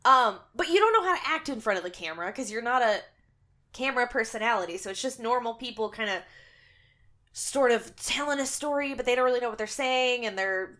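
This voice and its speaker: A young woman co-hosts a podcast, chatting casually about a horror film in a rambling film-review style, heavy on "um" and "like." Her voice is fairly high, bright and forceful.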